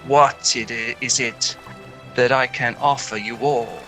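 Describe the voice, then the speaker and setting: Man doing a fatherly spirit, homely, reassuring, bright voice, slow and measured. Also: medium pitch, fairly even intonation, soft background music. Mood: questioning. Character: paternal reassuring death-realm spirit, male.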